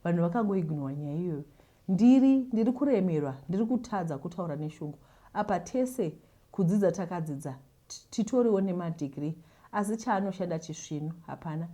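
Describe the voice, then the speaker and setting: With a lowish, mellow voice that is expressive and a little fast, a woman with a Zimbabwean accent hosts a listener-confession show. She gives advice and tells stories casually, repeating words and acting out what happened.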